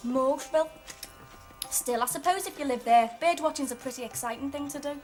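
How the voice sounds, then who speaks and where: A woman's voice: high-pitched, brisk, lightly acted. An actress playing a cheeky, bossy young woman who teases with dry sarcasm in natural TV comedy-drama dialogue. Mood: dry, mocking. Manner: teasing, wisecracking, deadpan sarcasm. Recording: music and crowd chatter behind.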